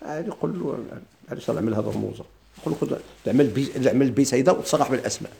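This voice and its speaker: Man, Moroccan Arabic accent, classroom lesson, dark warm voice, chants verses slowly. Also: medium pitch, vocal fry, a little hiss or hum. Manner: explains in dialect, chants quoted verses slowly. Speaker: teacher of Quranic readings.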